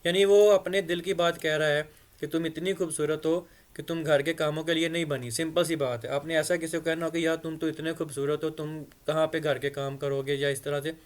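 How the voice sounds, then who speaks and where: A man teaches English phrases. He reads each English line slowly and carefully, then explains its meaning at length. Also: fairly high pitch, little pitch movement.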